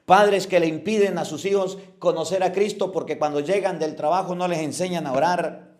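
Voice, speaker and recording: A man, a priest giving a fiery, scolding homily with sudden loud outbursts. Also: sits high, steady tone, fairly quick.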